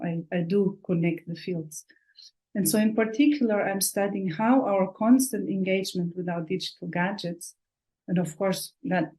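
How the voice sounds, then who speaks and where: A woman from Austria giving a prepared online talk as a researcher, speaking thoughtfully and often pausing on fillers and restarts. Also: medium pitch, darkish tone, low-quality recording.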